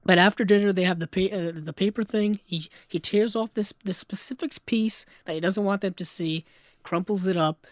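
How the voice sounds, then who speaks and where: A man co-hosting a casual film podcast, retelling scenes with lively put-on voices. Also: on the high side, no echo, clean studio sound. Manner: animated, acts out scenes in quick put-on voices. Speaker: podcast co-host.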